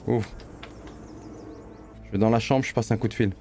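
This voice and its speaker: A man giving comic gameplay commentary, joking, laughing and shouting at the characters. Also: on the low side, fairly even intonation, moderate pace, a little hiss or hum. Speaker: gaming youtuber.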